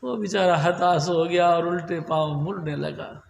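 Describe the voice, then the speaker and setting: A man's voice: a little high, normal speed, creaky. A man preaching a devotional sermon, telling a story earnestly to a congregation. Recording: echoey hall with long reverb.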